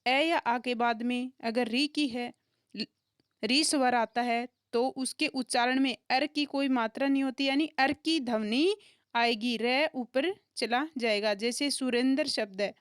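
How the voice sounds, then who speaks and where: A woman teaching a lesson, talking slowly and deliberately. Her voice sits high and comes through smooth and clear. The recording is close and dry, with no room sound. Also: no room sound. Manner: asks rhetorical questions and answers them, slow and deliberate. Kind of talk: explanatory grammar lesson.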